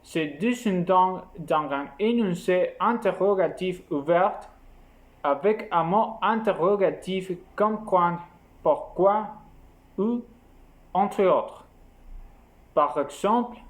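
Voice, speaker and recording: A man with a rather high voice reads a scripted lesson aloud. He takes his time, spacing out each phrase in a measured, explanatory way. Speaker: teacher.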